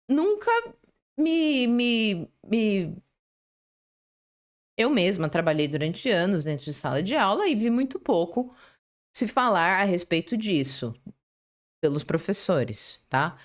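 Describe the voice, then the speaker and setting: A woman English teacher giving an online lesson, talking through a screen share, often checking in with short tag questions and restarting her sentences. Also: medium pitch. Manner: lively, tag questions and frequent self-restarts.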